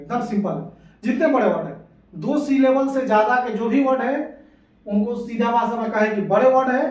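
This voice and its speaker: A high-pitched man teaches English grammar, repeating each rule and asking questions of his students. His voice is heard from a distance in a strongly echoing room, far from the mic. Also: a little mellow. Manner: patient, repeats points and asks the class questions. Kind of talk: classroom lesson.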